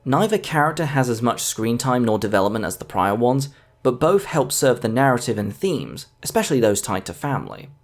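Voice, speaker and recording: Speaking fairly quickly, a man presents a scripted film review as a video essayist, with faint background music beneath his voice. His pitch sits in the medium range, and his intonation is lively and varied.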